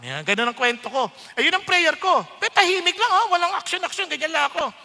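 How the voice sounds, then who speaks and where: A man preaching a sermon, telling his own story in an animated way and acting out what others said. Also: extremely high pitch, fast, long reverb tail. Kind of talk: sermon testimony.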